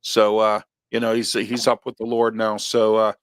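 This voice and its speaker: A man's voice: lowish voice, completely flat delivery, moderate pace, no room sound, studio quality. A man in his fifties hosting a casual sports talk show, rambling with many fillers as he talks. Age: 50s.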